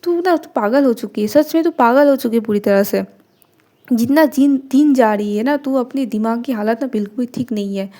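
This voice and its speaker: A woman's voice: on the high side, normal speed, warm tone, natural voice. A woman playing a bossy, fussing young friend. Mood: scolding. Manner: bossy, fussing, calls out urgently.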